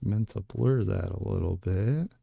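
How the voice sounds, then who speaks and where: A man's voice: on the low side, normal speed, creaky, breathy edge, no room sound, muffled recording. A man streaming his digital art and chatting casually, laid-back and rambling, with lots of laughter and filler words. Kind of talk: casual chat while drawing on stream. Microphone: desk mic with webcam.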